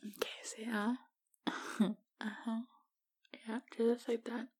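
Husky whispering woman, slow and soft. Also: a little high, level tone. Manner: flirtatious, gentle. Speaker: roleplay researcher. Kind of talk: ASMR roleplay.

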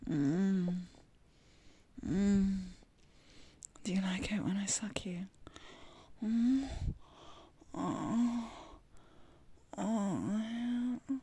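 A woman whispering intimately in an audio roleplay, with soft moans between her lines. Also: mid-range voice, very slow, pauses often, slight background noise.

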